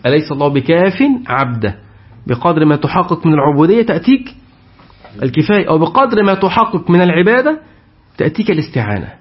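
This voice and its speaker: A man's voice: fairly high pitch, very animated, fast. A man giving a Quran tafsir lesson, putting questions to his class and repeating their answers. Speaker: Quran teacher. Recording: dull lo-fi recording.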